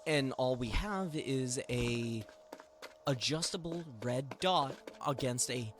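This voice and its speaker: A man's voice: mid-range voice, slow pace. A man in a casual chat, telling a story and acting out the people in it. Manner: animated storyteller, acts out quotes. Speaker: podcast host.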